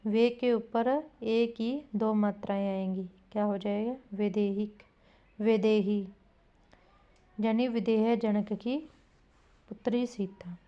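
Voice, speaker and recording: A woman's voice: medium pitch, fairly even intonation, slow pace, muffled recording. A woman teaching Hindi spelling to exam students, repeating each word and quizzing the class. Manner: repetitive, drilling, asks students questions.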